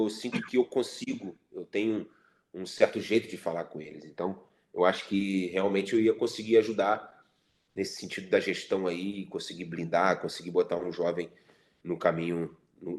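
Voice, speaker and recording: A man in his late thirties with a Brazilian Portuguese accent, a guest in a podcast interview, talking in a relaxed and reflective way with repeated fillers. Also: deep voice, a little fast. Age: 30s. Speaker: futsal player guest.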